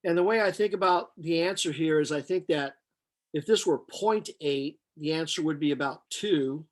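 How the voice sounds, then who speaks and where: Man, slightly high voice, lecturer, step-by-step explanation, halting, thinking aloud, flat matter-of-fact delivery. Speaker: chemistry lecturer. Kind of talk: lecture, working problems step by step.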